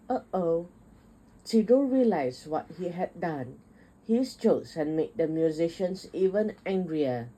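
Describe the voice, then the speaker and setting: A woman reading a children's picture book aloud in a steady, careful way. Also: fairly low pitch, husky, low-quality recording. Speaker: storyteller.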